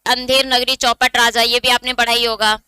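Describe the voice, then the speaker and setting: A woman's voice: a little high, level tone, moderate pace, pushed and bright, clean tone, dry recording. A woman teacher giving an exam-prep lesson, explaining step by step and asking her students questions that she answers herself.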